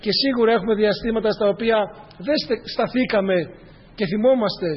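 A man's voice: sits high, husky. A man preaching a sermon earnestly, addressing the congregation as brothers in a church hall. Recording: dull, with long hall reverb.

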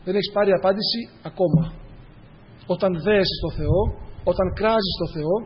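High husky preacher in a reverberant hall. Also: male voice. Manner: earnest, addresses the congregation as brothers. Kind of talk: sermon. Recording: dull, with long hall reverb.

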